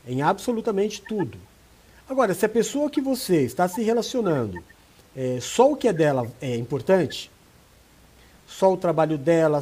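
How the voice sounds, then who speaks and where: A man, a pastor, giving relationship advice in a casual chat and acting out the people he quotes. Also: high voice. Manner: animated, acts out quoted voices. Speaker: pastor and co-host.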